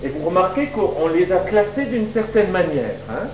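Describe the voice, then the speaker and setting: A man's voice: sits high, moderate pace, slight background noise, rough recording. A man teaching the Bible to a congregation, asking them questions as he goes. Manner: lively, questions the audience.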